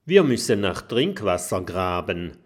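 A man's voice: low voice, very animated, measured pace, pitched below the performer's own voice, full character voice. Man playing a small earnest dragon boy. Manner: encouraging, earnest. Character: small earnest male dragon, eager and steady.

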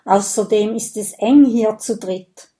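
A woman's voice: mid-range voice, unhurried, mellow, close to an everyday voice. Lady voicing a grumpy little dragon guy, grumbling, storybook. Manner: grumbling, plain-spoken. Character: grumbling hungry young male dragon.

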